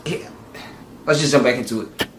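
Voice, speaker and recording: A man's voice: mid-range voice, normal speed, noisy background. Rambling man in an echoey room. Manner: rambling, repeats "you know what I'm saying". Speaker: reaction channel host. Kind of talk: casual commentary on a clip. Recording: echoey room, far from mic.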